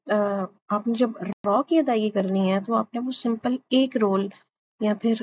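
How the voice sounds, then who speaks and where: Her voice sits at a medium pitch and sounds a little mellow as she leads an online Quran pronunciation lesson. Each letter sound is repeated patiently so the students can imitate it, over slightly dull lo-fi audio with faint background hiss.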